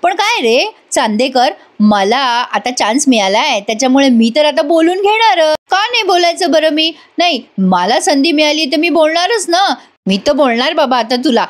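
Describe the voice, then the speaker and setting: Woman putting on a high-voiced mocking young woman, sarcastic, draws out her teasing.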